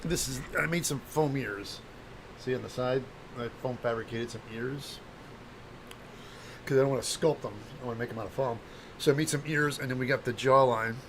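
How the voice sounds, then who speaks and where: A slightly hungover man with a phlegmy throat and a mid-range voice hosts a casual craft livestream. He demonstrates as he works and chats to viewers, sounding halting, distracted and apologetic. Background noise is audible.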